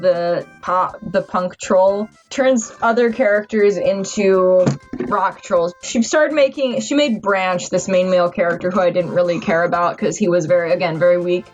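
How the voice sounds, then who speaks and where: A woman's voice: medium pitch, dull audio. A drunk woman giving a casual, rambling review from notes, stumbling over her words with mock-earnest seriousness. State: tipsy, drunk. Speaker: amateur movie reviewer.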